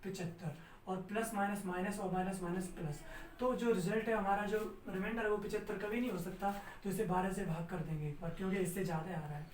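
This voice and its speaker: A high-pitched, fast-talking man steadily teaches an exam-prep math lesson step by step, posing questions to his students and answering them himself. The sound is roomy, with a distant mic and faint noise.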